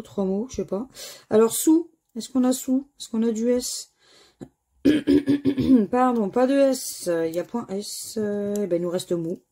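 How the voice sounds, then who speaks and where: Slow gravelly-voiced woman vlogger. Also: medium pitch, warm tone. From France. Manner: slow, spells letters aloud, sighs over losses. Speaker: scratch-card vlogger. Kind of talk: casual commentary while scratching tickets.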